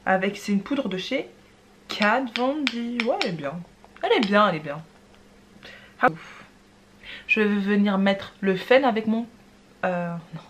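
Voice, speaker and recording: A woman talking casually through a makeup tutorial. She keeps trying out foreign words and repeating them, and sometimes drops to a soft murmur while she works. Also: medium pitch, animated, measured pace, long pauses, a little hiss or hum. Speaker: beauty vlogger.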